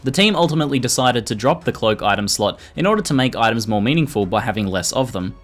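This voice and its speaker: Male narrator, middle register, measured informative delivery, scripted voice-over, music underneath. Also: medium pitch, animated, a bit bright. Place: voice-over recording.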